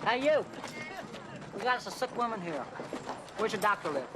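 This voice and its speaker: An actor playing a plain-spoken frontier wagon driver. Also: male voice, high voice, animated, normal speed. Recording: film soundtrack with loud hoof noise.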